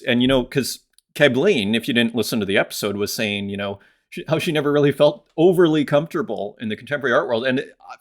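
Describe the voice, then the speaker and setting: Rambling male podcast host. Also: medium pitch. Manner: rambling, conversational, many fillers and restarts; reads comments aloud and reacts. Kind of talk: casual solo podcast commentary.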